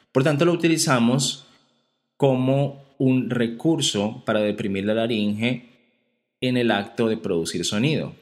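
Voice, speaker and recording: A man giving a singing lesson, explaining vocal exercises step by step, checking in with frequent tag questions and breaking into short sung demonstrations. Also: mid-range voice. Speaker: singing teacher.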